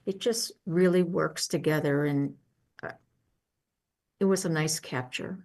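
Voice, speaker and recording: A woman's voice: low-pitched, measured pace, a little mellow. A woman judging a camera club competition, giving enthusiastic, appreciative critiques of the images. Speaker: photo competition judge. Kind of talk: spoken critique of photographs.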